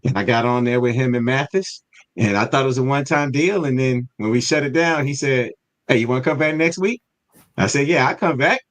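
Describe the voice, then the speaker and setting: A man's voice: mid-range voice, brisk, a bit bright. Friendly storytelling Atlanta man. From Atlanta, USA. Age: middle-aged. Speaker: podcast co-host. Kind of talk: casual chat.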